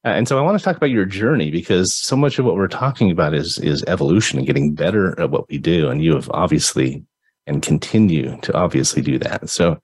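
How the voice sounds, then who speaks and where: A man's voice: low-pitched, lively intonation, a little fast, darkish tone, husky. A middle-aged man hosting an interview in a friendly, chatty way, often restarting his sentences. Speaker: podcast host. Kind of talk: conversational interview.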